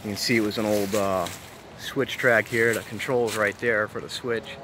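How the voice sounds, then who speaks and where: Here a man with a somewhat low voice and moderate pace tours an overgrown abandoned location outdoors, with noise in the background. The urban explorer vlogger stays easygoing, exclaiming in wonder and speaking to his audience as he walks.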